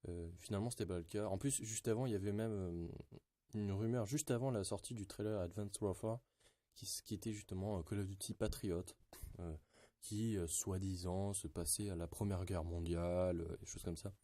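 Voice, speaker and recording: Low-voiced guy rambling about games. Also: steady tone, moderate pace, mellow, dry recording. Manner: rambling, many fillers and restarts. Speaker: gaming YouTuber. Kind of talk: casual gaming commentary.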